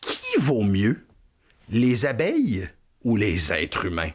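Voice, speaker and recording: Animated Québécois storyteller man. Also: fairly low pitch, slow. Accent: Québécois French. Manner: animated, playful, talks to the children directly. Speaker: storyteller for children. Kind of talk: improvised children's story.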